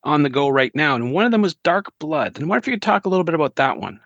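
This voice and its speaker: A man's voice: a little high, sing-song, racing, creaky, a bit bright, dry recording, highs cut off. A man hosting a comics interview, asking questions in a friendly, upbeat way. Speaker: podcast host.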